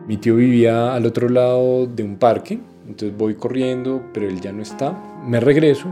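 A man speaks slowly and reflectively at a middle pitch. His testimony is quiet and inward. Plucked guitar music sounds clearly behind him. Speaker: interviewee, son recounting.

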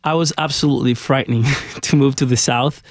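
A man's voice: mid-range voice, fairly even intonation, a little fast, no echo, studio quality. A man from Honduras, a guest musician on a radio interview, talking in a friendly, chatty way with many fillers.

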